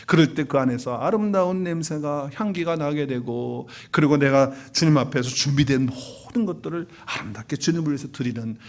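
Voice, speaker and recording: A male pastor preaches an animated Sunday sermon in a church sanctuary. His voice sits a little higher than most men's, and he keeps asking the congregation questions and acting out the quoted couples. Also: brisk, hardly any pauses. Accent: Korean.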